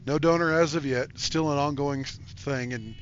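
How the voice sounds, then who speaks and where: A man streaming a game, greeting viewers by name in relaxed live-stream chat. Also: on the high side, moderate pace, muffled recording. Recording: stream with steady background noise.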